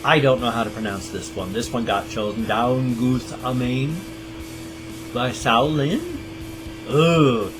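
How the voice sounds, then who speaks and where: Guitar music plays behind a middle-aged channel host who rambles casually to camera, poking fun at himself. He speaks slowly in a mid-range voice, and the audio quality is poor.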